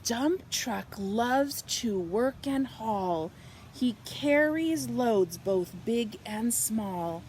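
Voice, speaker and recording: A woman reading a picture book aloud to young children, expressive and animated, drawing out her words and softening for bedtime lines. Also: a little high, a little hiss or hum. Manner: slow, animated delivery with drawn-out words and hushed, whispered good nights. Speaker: children's storybook reader.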